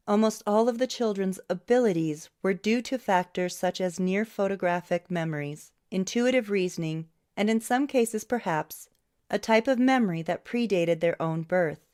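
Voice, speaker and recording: A woman's voice: medium pitch, moderate pace, a little mellow. Woman narrating an audiobook. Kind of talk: scripted narration.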